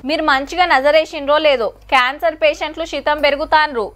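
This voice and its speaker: A woman's voice: high voice, steady tone, quick pace, heavy background noise. A woman presenting satirical news commentary in a Telangana Telugu accent, wry and sarcastic.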